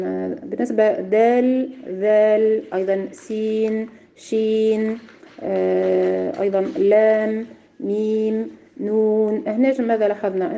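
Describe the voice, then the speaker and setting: A woman with a Tunisian Arabic accent gives a patient pronunciation lesson. She sounds out each letter slowly, repeats it and corrects herself. Her voice is mellow and dark, on a slightly dull recording. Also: medium pitch. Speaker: Quran recitation teacher. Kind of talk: phonetics lesson.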